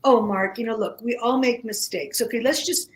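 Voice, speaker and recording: Her first language being Greek, this woman guests on an informal radio program and speaks slowly and haltingly, pausing and restarting often. Her voice sits on the high side.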